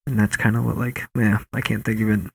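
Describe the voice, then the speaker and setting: A man's voice: on the low side, little pitch movement, fast, gravelly, darkish tone, slightly rough. A man co-hosting a podcast, talking in casual, profane, joking banter. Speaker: podcast co-host.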